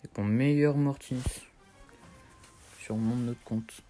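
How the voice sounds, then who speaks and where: A man's voice: mid-range voice, steady tone, slow pace, warm tone, soft background music. A teenage boy chatting casually over his gameplay, rambling in slang and correcting himself as he goes. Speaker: gaming streamer.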